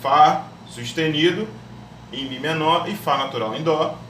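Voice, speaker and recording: A man's voice: on the high side, unhurried, a bit bright, recorded from a distance. A man teaching a music theory lesson step by step, often checking in with his students. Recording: echoey room, voice off-mic, faint hum.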